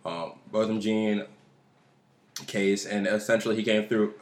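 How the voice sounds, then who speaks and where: A man's voice: deep voice, echoey room. A man co-hosting a casual podcast, talking in emphatic slang and repeating his phrases. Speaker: podcast co-host.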